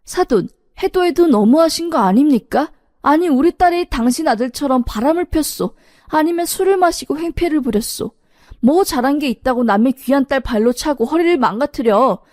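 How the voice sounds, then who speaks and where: A woman's voice: high voice, lively intonation, moderate pace, a little mellow, no echo, clean studio sound. A woman voicing an angry middle-aged mother who scolds her daughter's mother-in-law in a told story. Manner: accusing, indignant.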